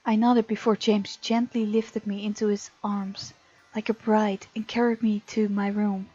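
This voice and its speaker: Game music plays behind a woman who reads visual novel text aloud during a playthrough and chimes in with commentary. She has a mid-range, husky, mellow voice, a level tone and a measured pace, all in a dull-sounding recording.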